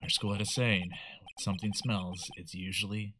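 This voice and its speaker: A man's voice: lowish voice, steady tone, normal speed, sharp tone, pitched below the performer's own voice. A man reading as a nervous young lawyer. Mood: hushed.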